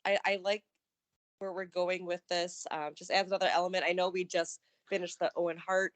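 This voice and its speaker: A woman with a lowish voice co-hosts a casual recap show. She chats in an upbeat, loose way, full of "um" and restarts. The sound is dry and close, with no room echo. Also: little pitch movement, a little fast. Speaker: co-host of a wrestling news show.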